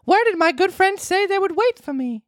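A podcast reader voicing a naive, stubborn wooden puppet boy in a storybook reading, pitched high with drawn-out pleading. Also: expressive, no echo, clean studio sound. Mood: eager.

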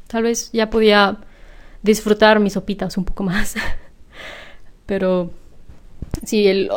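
A young woman chatting casually at home, laughing often and clearing her slightly hoarse throat. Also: medium pitch. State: slightly hoarse after illness. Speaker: vlogger. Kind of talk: casual chat to camera. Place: home room. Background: washing machine.

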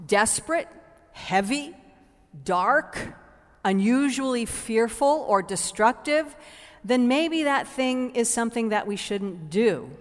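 A woman priest giving a sermon in an unhurried way, often repeating a word as she restarts. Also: mid-range voice, a bit bright. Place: church. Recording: church with long reverb.

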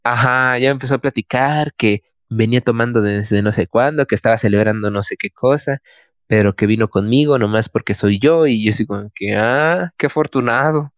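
A man's voice: lowish voice, fairly quick, no room sound. Slangy young Mexican man telling a story. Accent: Mexican Spanish. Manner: slangy, loose, filler-heavy. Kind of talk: casual storytelling chat.

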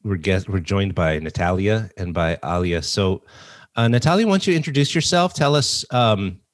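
A man's voice: low-pitched, animated, moderate pace, no echo, clean studio sound. A man hosting an academic podcast, reading the introduction and leading the interview. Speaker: podcast host.

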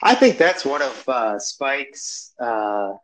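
A man's voice: medium pitch, sing-song, slow pace, fairly bright tone. A man co-hosting a podcast in casual chat, joking around and laughing often. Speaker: podcast co-host.

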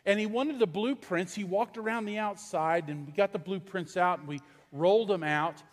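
A man's voice: high-pitched, moderate pace. A middle-aged man, a pastor, preaching a sermon in a large church in a conversational, storytelling way and putting questions to the congregation. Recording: long reverb in a large church hall.

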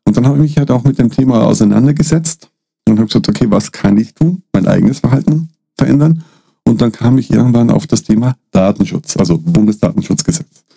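A middle-aged man telling stories as a podcast guest, halting with frequent restarts and fillers. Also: mid-range voice, gravelly, mellow, breathy edge, dry recording. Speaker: guest, data protection consultant. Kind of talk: casual podcast storytelling.

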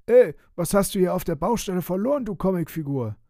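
A man voicing a rude, mocking male construction worker with a rough voice, in a read-aloud storybook. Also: sits high, lively intonation, fairly quick, dark tone, no echo, studio quality, voice pushed up. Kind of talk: storybook reading.

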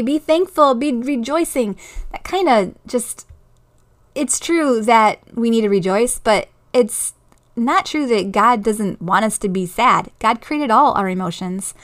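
Earnest woman hosting a faith podcast. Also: medium pitch. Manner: earnest, storytelling, laughs at herself. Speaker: podcast host.

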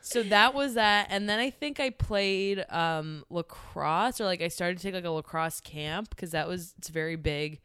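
Young woman, from New Jersey, podcast guest, casual chat, self-mocking, smooth voice, slightly low pitch. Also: moderate pace, hardly any pauses, a bit bright, dry recording, studio quality. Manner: chatty and self-mocking, with playful swearing.

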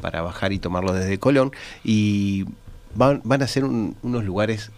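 A man with a Uruguayan accent chatting on a radio travel show in a halting, anecdotal way. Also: lowish voice, darkish tone. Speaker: travel professional. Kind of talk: conversational radio talk.

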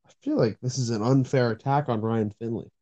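A man's voice: medium pitch, fairly quick, dark tone. A man co-hosting casual sports banter over a group voice chat, making his points in a matter-of-fact way. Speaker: sports podcast co-host. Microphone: remote voice chat call.

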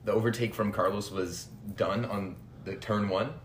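Low-voiced man in an echoey room. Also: steady tone, normal speed. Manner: brief blunt interjections. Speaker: podcast co-host. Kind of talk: casual chat about motor racing. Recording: echoey room with faint background noise.

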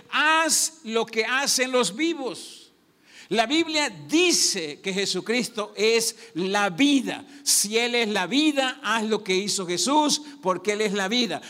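A man's voice: high-pitched, sharp tone. A man preaching a sermon, asking his congregation questions and answering them himself. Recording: long hall reverb.

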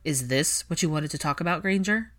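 A woman's voice: deep voice, fairly quick, fairly bright tone. A woman reading fiction aloud and voicing a cold, curt young man with a dry, terse delivery. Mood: cold anger.

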